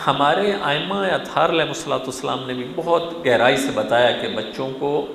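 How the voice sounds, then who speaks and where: Man giving an animated lecture in an echoey hall. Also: mid-range voice, creaky. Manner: animated, addresses the audience directly with frequent rhetorical questions. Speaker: religious lecturer. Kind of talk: sermon-style parenting lecture. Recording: echoey hall with faint room noise.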